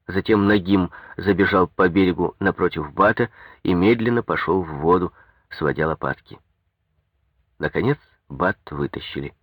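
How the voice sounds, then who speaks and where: Deep husky guy reading a story, dry close mic. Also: normal speed, no room sound. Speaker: audiobook narrator. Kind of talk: scripted narration.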